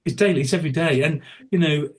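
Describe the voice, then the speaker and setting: A tribute singer appears as a podcast guest, chatting in a loose, rambling interview filled with restarts and fillers. His voice is a little high and moves at a quick pace.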